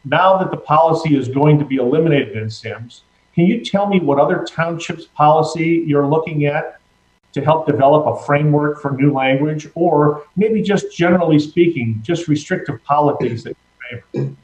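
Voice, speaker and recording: A man's voice: on the high side, darkish tone. Man addressing a public meeting, echoey room. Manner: speaking in front of an audience, deliberate and challenging. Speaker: township trustee questioning a colleague at a public board meeting. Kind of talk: formal remarks at a public meeting.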